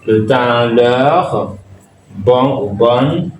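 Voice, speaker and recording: Slow man teaching in an echoey room. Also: mid-range voice, over music. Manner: slow, drilling words one by one with repetition. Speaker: English teacher. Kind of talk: bilingual pronunciation lesson. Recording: echoey room, mic at a distance, faint background noise.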